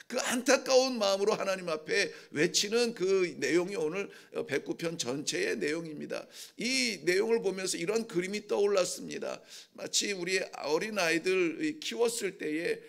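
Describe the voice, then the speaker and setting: High-voiced gravelly man preaching. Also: animated, moderate pace, few pauses. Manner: conversational preaching that acts out heartfelt pleas in voices. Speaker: pastor. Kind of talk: early-morning sermon.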